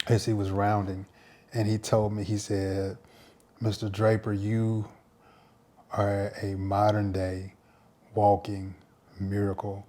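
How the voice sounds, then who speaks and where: Low-voiced pastor, halting reflective testimony. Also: male voice, a little mellow. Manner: reflective, halting, repeats words while searching for them. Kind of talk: personal faith testimony.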